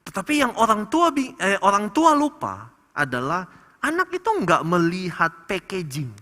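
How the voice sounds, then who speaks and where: A man with a Manado accent preaching a sermon, animated and acting out little dialogues between parents and children. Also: high voice, moderate pace. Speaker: pastor. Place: large church hall. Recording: long church hall reverb.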